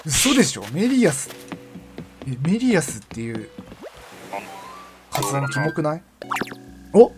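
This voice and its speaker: A young man giving casual commentary while streaming a game, chatty and laughing often, with sudden loud outbursts. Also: a little high, sing-song, measured pace, pauses often. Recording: game music playing behind the voice. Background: background game music.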